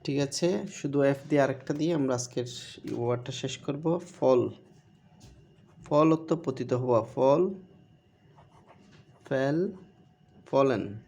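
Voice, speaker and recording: Teacher: man, slow and patient, mellow tone, drills verb forms aloud. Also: medium pitch. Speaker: English teacher. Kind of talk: online grammar lesson.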